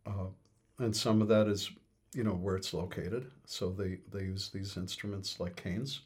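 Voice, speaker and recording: A man's voice: deep voice, steady tone, measured pace, darkish tone, breathy edge. A man explaining music thoughtfully in conversation, hesitant with many fillers and restarts. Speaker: interviewee on music.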